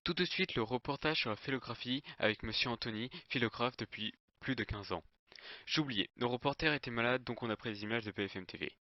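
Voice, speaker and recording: A man's voice: medium pitch, a little fast, no echo, dull audio, natural voice. A man playing a formal evening news anchor presenting headlines in a parody bulletin.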